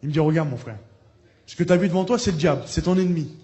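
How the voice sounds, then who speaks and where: A man giving a spoken testimony as a preacher, telling his story, acting out the people he quotes and breaking into loud praise. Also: fairly high pitch, fast. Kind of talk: testimony sermon.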